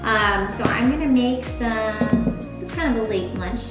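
This woman's voice sits on the high side and stays unhurried. She's a fitness vlogger in her thirties, cooking at home and chatting in an upbeat, homey way for a camera on the counter. Her casual cooking vlog has background music and noticeable kitchen echo.

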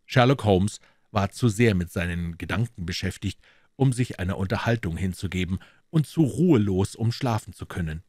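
A man narrating a classic detective story as an audiobook reader, in a measured, dramatic way. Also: low-pitched, darkish tone, no echo, clean studio sound.

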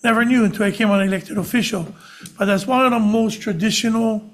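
A man's voice: sits high, fairly even intonation, a little fast. A middle-aged man, a senator, making chatty, informal remarks at a desk microphone in a hearing.

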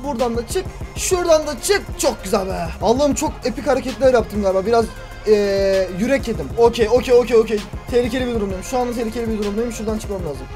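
A man's voice: extremely high pitch, quick pace, over music. A man commentating his own gameplay for a video, talking to himself and crying out at what happens on screen. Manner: excitable, talks to himself and cries out at the game. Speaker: gaming YouTuber. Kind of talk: let's-play commentary.

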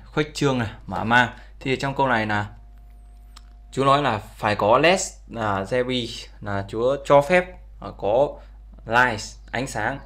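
A man's voice: medium pitch, fairly bright tone, a little hiss or hum. A man teaching an English lesson over a screen recording, explaining words with many fillers and checks with his viewers. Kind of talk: screen-share language lesson.

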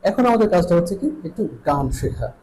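A man teaching English letter sounds, repeating each sound slowly and patiently. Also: high-pitched, lively intonation, darkish tone, a little hiss or hum, rough recording.

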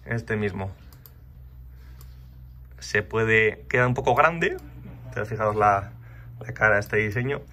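A man walking viewers through a design website in a relaxed, chatty tutorial, talking to the audience as he clicks. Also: lowish voice, slow, pauses often. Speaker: channel host. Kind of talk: casual screen walkthrough tutorial.

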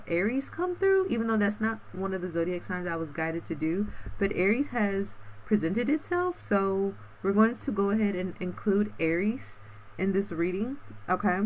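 A woman's voice: mid-range voice, a little hiss or hum, poor audio. A woman doing a spoken tarot reading, rambling and stretching out words, often tagging on "okay" and "um". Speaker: tarot reader.

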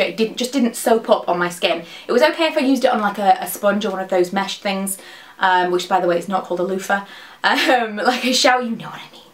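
A woman, talking very fast in a casual, rambling product review to camera. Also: medium pitch. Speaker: beauty vlogger. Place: small dressing room at home, indoors.

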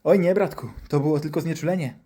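A man's voice: a little high, quick pace, dark tone, breathy edge. A man voicing a crude, drunk, boastful male doctor who swears constantly and swaggers.

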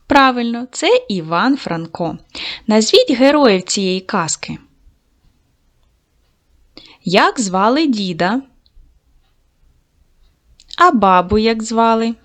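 A woman teaching a video lesson to second graders, with an encouraging manner that speaks slowly to young children. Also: medium pitch. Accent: Ukrainian. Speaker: primary school teacher.

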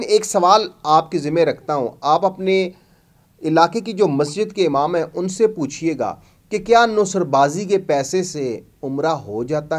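Male host, high voice, preacherly and accusatory scam-warning commentary.

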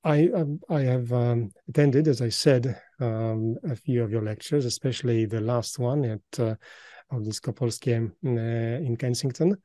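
A man with as his hosting an interview, asking polite, appreciative questions with lots of pauses and fillers. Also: mid-range voice, steady tone, mellow, no echo. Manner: hesitant, many fillers and restarts, polite and appreciative. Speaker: interviewer and channel host.

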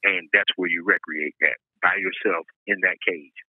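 An incarcerated man speaking over a prison phone line, recounting events in a calm, measured way. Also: low voice, husky, no echo. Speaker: incarcerated interviewee. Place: prison dormitory.

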